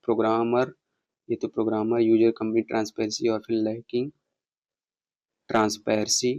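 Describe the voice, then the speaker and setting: A man teaching an online exam-prep lesson, reading passage lines slowly and explaining them, asking his students questions. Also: on the low side, completely flat delivery, darkish tone, dull audio. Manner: reads English passages slowly, explains in Hindi, quizzes viewers. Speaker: English exam tutor.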